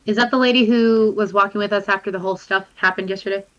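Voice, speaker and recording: A woman's voice: medium pitch, fairly even intonation, fast, a bit bright. Give me a playful woman player with a muffled lo-fi recording. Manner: playful, giggly. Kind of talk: casual chat at a game table.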